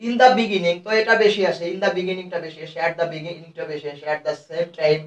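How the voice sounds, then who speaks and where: A Bangladeshi man teaching English grammar. He explains each rule step by step and reads the example phrases out slowly. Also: sits high. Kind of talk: grammar lesson. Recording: echoey room, mic at a distance.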